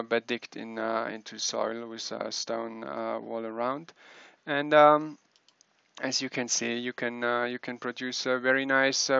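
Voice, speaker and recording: Halting man on a headset video call. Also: mid-range voice, gravelly, fairly bright tone, smooth, no echo. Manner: halting, many fillers and restarts, non-native phrasing. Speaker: researcher giving a conference talk. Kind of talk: remote slide presentation. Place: small wood-panelled room indoors. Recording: muffled video call audio.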